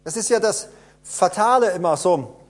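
A man preaches a sermon in a high-sitting voice with lively intonation at normal speed. He is emphatic and repetitive, asks rhetorical questions, and swings between hushed lines and loud bursts.

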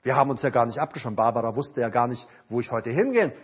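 Lively husky male preacher. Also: medium pitch, fast. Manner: lively, swinging from loud bursts to hushed asides, acting out quotes. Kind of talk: sermon.

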